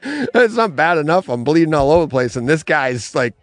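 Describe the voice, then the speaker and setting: A middle-aged man co-hosting a casual podcast from a comic bookstore, telling an animated story and laughing often. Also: a little high, fairly quick, dry recording. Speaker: podcast co-host.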